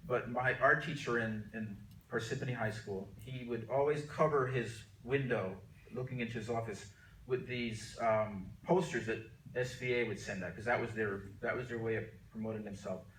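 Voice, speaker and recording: A man's voice: mid-range voice, moderate pace, fairly bright tone, a little hiss or hum. A middle-aged man who grew up in Jamaica, an artist being interviewed, telling stories of his life in a rambling way with many restarts. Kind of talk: relaxed conversational storytelling. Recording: echoey room, mic at a distance.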